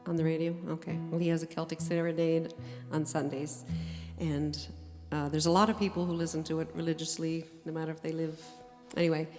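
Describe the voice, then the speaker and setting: Middle-aged woman, folk musician, homey stage patter, slightly low voice, long reverb of a concert hall. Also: little pitch movement, brisk, few pauses, music in the background. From Cape Breton, Nova Scotia, Canada. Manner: chatty, homey storytelling with many fillers. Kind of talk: stage banter between tunes. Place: museum hall, live concert.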